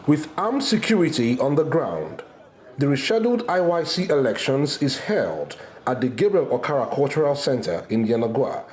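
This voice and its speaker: A male reporter with a Nigerian accent delivers scripted narration. His pitch is average, and his intonation moves up and down in a very animated way. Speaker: field news reporter.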